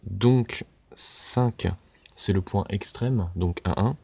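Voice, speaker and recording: A man's voice: lowish voice, extremely slow, vocal fry, a little mellow, slightly rough. A man casually talking through his game-making on screen, rambling and self-mocking, with plenty of fillers and swearing. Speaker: game developer tutorial host. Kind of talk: casual thinking-aloud screen tutorial. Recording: keyboard typing and clicks behind.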